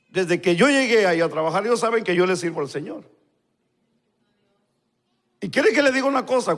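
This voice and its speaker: A male pastor, telling a story in a live sermon and acting out the dialogue in quieter voices. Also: sits high. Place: church hall. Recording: long church-hall reverb.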